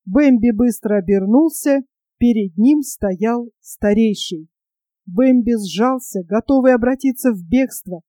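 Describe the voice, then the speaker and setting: A woman narrating a storybook in an expressive, measured way. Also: a little high, no echo.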